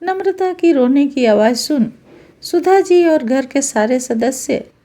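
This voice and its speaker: A woman calmly narrating a scripted moral story. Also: high-pitched, slow pace.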